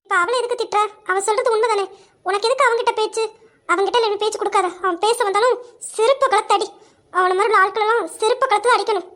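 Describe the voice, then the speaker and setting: A woman's voice: extremely high pitch, fast talker. [name], a woman voicing a scolding young friend. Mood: angry. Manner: sharp, scolding, insistent. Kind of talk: amateur audio drama.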